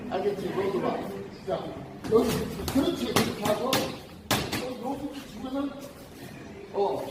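A man's voice: high voice, expressive, takes it slowly. A man coaching boxing pad work, calling out short commands and punch sounds. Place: large indoor boxing gym. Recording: echoey hall from far off, loud noise.

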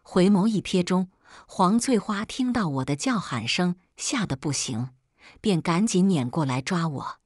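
A woman narrating a dramatic story in a calm, measured way with lively emotion. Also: on the low side, no room sound, studio quality.

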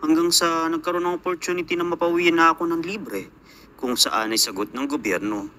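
A man's voice: on the high side, fairly quick, pushed and bright, a little hiss or hum. A young Filipino man, an overseas worker, telling his life story in a reflective, earnest voice-over. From Philippines.

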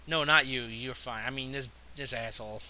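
A man's voice: medium pitch, normal speed, noisy background. A young man talking casually over a strategy game he is playing, swearing and griping at the game. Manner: swearing, exasperated outbursts at the game. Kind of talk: casual gameplay commentary.

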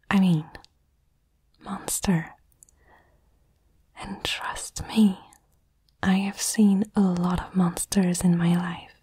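Close to the microphone, a woman whispers with a breathy, medium-pitched voice, soft and tender, in a reassuring ASMR comfort roleplay. There's no room sound.

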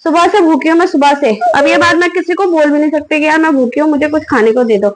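A young mother with a high, light voice vlogs at home late at night. She is hungry and worn out and talks to the camera in a weary, frustrated way, recorded on a phone on a tripod. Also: quick pace, slight background noise, rough recording. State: hungry and tired. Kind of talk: casual home vlog. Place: home bedroom and kitchen at night.

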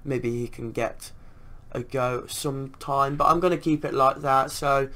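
A man's voice: mid-range voice, fairly even intonation, unhurried, fairly bright tone, a little hiss or hum. A man giving casual commentary on a video game as he plays. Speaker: gaming video creator.

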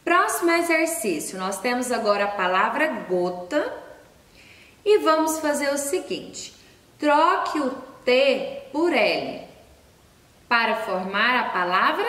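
A woman teacher giving a recorded class to young children, spelling out letters and syllables slowly and patiently, asking questions and then answering them herself. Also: fairly high pitch, sing-song, fairly bright tone. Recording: echoey room, distant from mic.

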